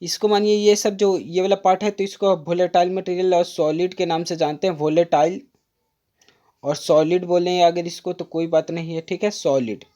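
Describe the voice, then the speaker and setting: A woman tutor talks students through a diagram in a mellow, warm voice, patient and repetitive. She addresses listeners as friends and slows right down to read out textbook definitions. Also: fairly low pitch. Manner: patient, repetitive, addresses viewers as friend, mixes in English terms; reads English definitions aloud slowly. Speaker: diploma course tutor. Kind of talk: exam-prep lecture, explaining a diagram.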